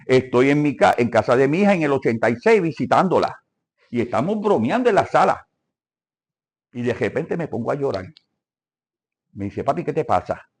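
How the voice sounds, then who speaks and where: Older guy teaching bible class at church, lively up and down voice, keeps asking the crowd stuff. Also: medium pitch, moderate pace, pauses often, husky. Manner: animated, questions the congregation and calls for amens.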